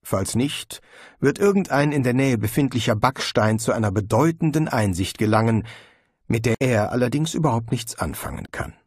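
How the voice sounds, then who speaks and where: Husky expressive male audiobook narrator. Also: medium pitch, normal speed, no room sound, studio quality. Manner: expressive storytelling reading. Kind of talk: scripted narration.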